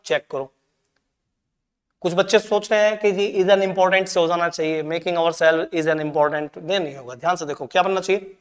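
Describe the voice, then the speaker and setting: A man's voice: high-pitched, long reverb tail. A man teaching English for exam preparation, going through answers and mixing Hindi explanation with read-out English lines. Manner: mixes Hindi with read-out English, often checks in with "ठीक है?".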